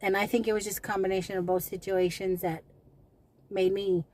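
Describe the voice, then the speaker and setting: A woman's voice: medium pitch, little pitch movement, a little fast, darkish tone. A middle-aged woman venting in a personal vlog, anxious and rambling, often repeating herself. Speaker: vlogger. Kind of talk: emotional personal vlog rant.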